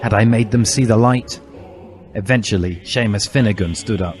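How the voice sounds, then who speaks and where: Over background music, a reader delivers a fan fiction story as an over-the-top narrator, mock-serious, theatrical, and bombastic. His voice is fairly low and a little mellow, moving at normal speed.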